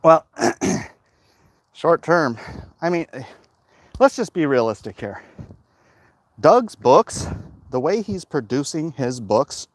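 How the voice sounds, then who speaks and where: A comic artist hosting a livestream walks outdoors talking to viewers on his phone, his fairly high voice sing-song and slow with frequent pauses. He rambles emphatically, and while there's no echo, the walking recording is noisy.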